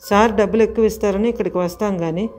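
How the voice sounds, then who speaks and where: A woman's voice: medium pitch, fairly even intonation, fast, darkish tone, faint music behind, lightly acted. A woman voicing a deferential middle-aged male village servant who speaks humbly to his employers in an audio story. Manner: humble, pleading, calls master "babu".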